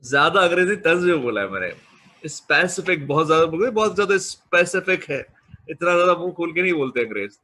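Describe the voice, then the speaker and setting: Male business English teacher, somewhat high husky voice, patient, coaxes answers and drills pronunciation word by word. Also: lively intonation, sharp tone. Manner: coaxing, drills pronunciation by repeating words slowly. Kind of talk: classroom lecture.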